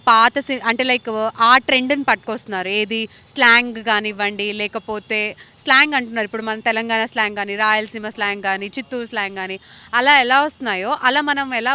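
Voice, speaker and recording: A young Indian actress answers interview questions earnestly, slipping English phrases into her speech. Her voice is on the high side, clean and sharp-toned, and she speaks a little fast.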